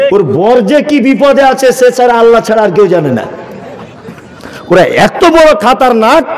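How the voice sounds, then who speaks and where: A man preaching a sermon, who keeps asking the crowd questions and teases them with humor. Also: extremely high pitch. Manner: rhetorical questions to the audience, teasing and humorous. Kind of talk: sermon at an outdoor religious gathering.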